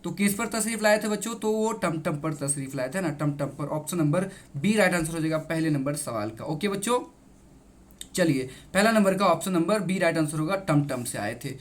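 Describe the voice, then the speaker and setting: A man, speaking in a fairly high voice, goes through exam answers one by one. He is emphatic and reassuring. He stops often to repeat the right answer to his students. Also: expressive, normal speed. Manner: repeats each answer, keeps addressing the students. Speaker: teacher. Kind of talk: exam answer-key explanation.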